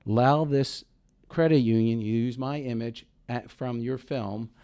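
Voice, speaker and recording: A man's voice: medium pitch, a little slow, dark tone, smooth. A man telling an enthusiastic story in casual conversation. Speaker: guest.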